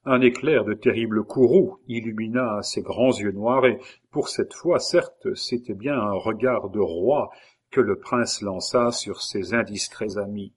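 Husky-voiced man reading a story. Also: lowish voice, measured pace. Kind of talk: audiobook reading.

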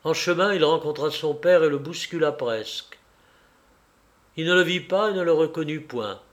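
A man reading a classic novel aloud as an audiobook narrator in a slow, dramatic, measured way. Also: on the high side.

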